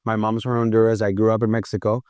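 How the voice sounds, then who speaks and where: A man's voice: fairly low pitch, quick pace, clean tone, no room sound, studio quality. A man who owns a food boutique, talking casually and at length in an interview, with plenty of fillers. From Miami. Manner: relaxed and talkative, with frequent fillers.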